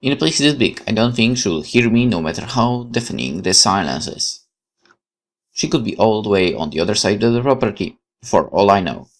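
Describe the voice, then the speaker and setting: The voice belongs to a man with a fairly low pitch, animated and at normal speed. He's a let's player who narrates a visual novel dramatically for viewers, weaving in contemplative commentary.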